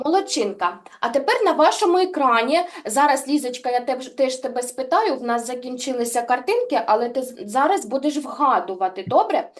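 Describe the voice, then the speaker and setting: A woman teaching young children in an online lesson over a video call, drawing out sounds slowly and praising pupils warmly by pet names. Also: high-pitched, lively intonation. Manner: slow, exaggerated articulation of sounds. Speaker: speech development teacher.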